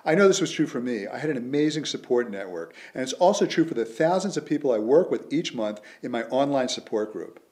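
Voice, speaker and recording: Earnest man giving a sales pitch. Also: animated, fairly quick, few pauses, darkish tone. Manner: earnest, persuasive. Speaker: author promoting his method. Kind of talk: scripted promotional pitch.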